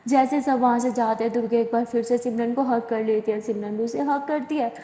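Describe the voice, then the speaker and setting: A woman's voice: on the high side, fairly even intonation, a little fast, warm tone. A woman telling a love story in a chatty, casual way and correcting herself as she goes. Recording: echoey room with long reverb.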